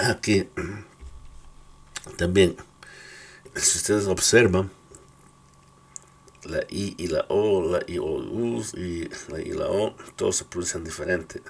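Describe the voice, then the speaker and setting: A man's voice: low-pitched, slow pace, gravelly, long pauses, pushed and bright, breathy edge. A man teaching English pronunciation, patiently explaining rules and reading out word lists, checking in often with short questions.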